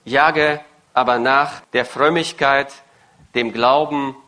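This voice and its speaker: Bright-voiced male sermon interpreter. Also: mid-range voice, fairly even intonation, slow pace. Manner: follows phrase by phrase, occasional hesitations and self-corrections.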